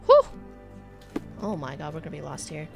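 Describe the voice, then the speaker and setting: A woman's voice: sits low, huge pitch swings, moderate pace, gravelly. A woman giving chatty let's play commentary as a VTuber, reading game text aloud and making playful asides. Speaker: VTuber streamer. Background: faint game music.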